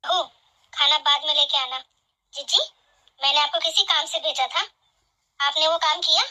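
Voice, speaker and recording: A woman voicing a domineering, taunting mother-in-law in an animated family drama, who scolds sharply. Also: high voice, moderate pace, poor audio. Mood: scolding. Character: bossy, scolding middle-aged mother-in-law.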